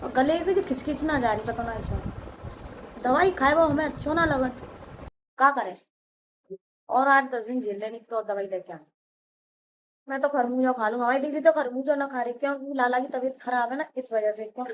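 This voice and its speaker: A young woman with a sore, hoarse throat, chatting casually through her village vlog, coaxing and scolding family and kids. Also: high-pitched, normal speed, long pauses, a bit bright, a little hiss or hum. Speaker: village vlogger. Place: outdoors in a village, farmyard and lanes.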